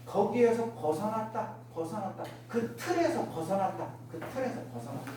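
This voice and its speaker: A woman's voice: mid-range voice, animated, fast, recorded from a distance. A woman minister giving a dharma talk to her congregation, often asking them rhetorical questions and acting out everyday remarks. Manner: acts out everyday remarks in other voices. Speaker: Won Buddhist minister. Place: worship hall. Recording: echoey hall, miked from afar, faint noise.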